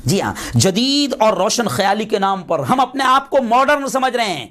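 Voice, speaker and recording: An impassioned male preacher with a high, ringing voice delivers a fiery sermon. He repeats phrases for force and climbs into shouted exhortations, with a lilt. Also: very animated.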